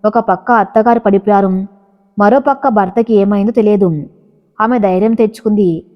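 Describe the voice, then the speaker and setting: A woman reading a dramatic romance story aloud in a steady storytelling manner. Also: medium pitch, normal speed. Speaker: narrator. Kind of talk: scripted story narration. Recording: reverberant, slightly dull audio.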